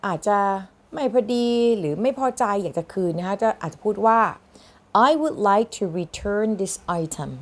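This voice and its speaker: A young woman English teacher talks her students through useful shopping phrases. She speaks slowly and patiently, explaining in Thai, then sounding each English phrase out word by word so learners can copy it. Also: mid-range voice, expressive. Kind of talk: lesson.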